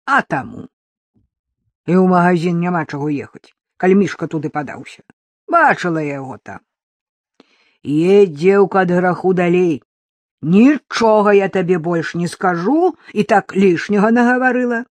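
A woman's voice: fairly low pitch, expressive, moderate pace, no echo, close to an everyday voice. A woman voicing a terse, wary old village woman who speaks in a rural Belarusian-tinged dialect, for an audiobook. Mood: gruff, wary.

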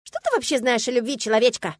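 A woman's voice: on the high side, big pitch swings, quick pace, no echo, clean studio sound, voice pushed up. A woman voicing a sulky young mare with fangs in an audiobook, grumbling and snorting her complaints. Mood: scornful. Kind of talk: audiobook character voice.

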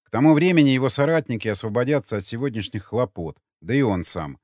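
Man voicing a tired grieving father, curt and bitter, animated pitch, dry. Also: fast, dry recording, natural voice. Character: weary grieving father, a stern settlement man. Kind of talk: audiobook character reading.

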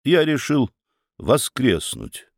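Guy reading a tired stubborn old baron, low and quiet, sad and measured, dry close sound. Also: huge pitch swings, vocal fry, husky, dry recording, exaggerated voice. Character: aging male baron, calm, stubborn, wistful.

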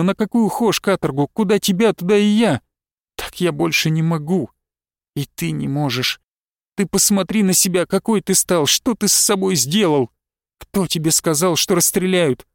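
A man reading aloud and voicing a frightened young wife who pleads with her husband, her lines pitched up and close to tears. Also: moderate pace, creaky, no echo. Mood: pleading. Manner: pleading, rising, near tears.

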